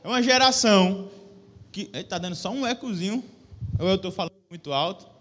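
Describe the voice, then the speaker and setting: Speaking fairly quickly in a high voice, a young Brazilian preacher keeps his church-hall sermon loose and conversational. He jokes, pokes fun at himself, and questions the audience, his Brazilian Portuguese accent coming through a microphone with a stage monitor.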